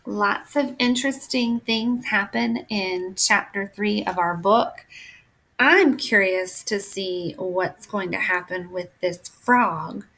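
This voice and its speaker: A woman reading a children's chapter book aloud in an expressive, unhurried way. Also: medium pitch, low-quality recording. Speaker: reader.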